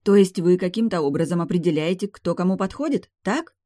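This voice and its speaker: Guy doing a fiery vampire girl, higher voice, snappy demands. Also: fairly quick, no room sound, studio quality, close to an everyday voice. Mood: probing. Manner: sharp, insistent outbursts. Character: fiery young vampire woman, indignant, demanding.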